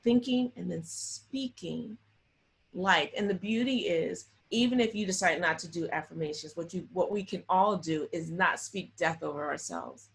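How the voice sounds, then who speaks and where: A woman guest in a casual interview, telling stories in an animated way and often checking in with "right?". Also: fairly low pitch, normal speed, gravelly, slight background noise.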